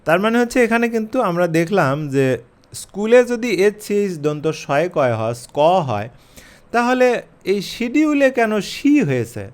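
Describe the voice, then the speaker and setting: A man explaining English pronunciation as a teacher, his pitch rising and falling a lot as he speaks. His voice sits a little high for a man. He asks rhetorical questions and slows right down to spell words letter by letter. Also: smooth. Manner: lively, questioning, drawing out letters slowly to spell. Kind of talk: explaining a lesson to camera.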